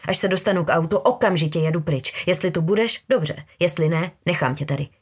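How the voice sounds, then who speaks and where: A woman voicing a brutal, menacing young man who talks in low, slangy threats. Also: breathy edge. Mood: threatening.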